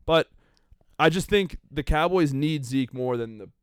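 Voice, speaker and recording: A man's voice: a little high, measured pace, clean tone, no room sound, clean studio sound. A man co-hosting a casual sports podcast, stating firm opinions and often restarting his sentences. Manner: opinionated, repeats himself, restarts. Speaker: podcast co-host.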